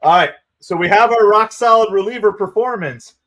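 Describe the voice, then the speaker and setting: A man with a New Jersey accent calls a ballgame live for his fan stream from a home green-screen setup. His voice sits a little high, and he jumps between play-by-play and thanking viewers by name. His delivery is casual and excitable. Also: normal speed. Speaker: livestream host.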